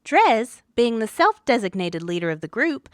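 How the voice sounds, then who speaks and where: A woman's voice: fairly high pitch, sing-song, normal speed, no echo, studio quality. A woman hosting a story show, reading a scripted narration of a tabletop adventure in a wry, dramatic way. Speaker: story podcast host.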